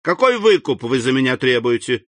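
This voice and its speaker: A man reading aloud, voicing a frantic aging captive banker who pleads in a high, shrill voice. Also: very animated, normal speed, fairly bright tone, no room sound. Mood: pleading.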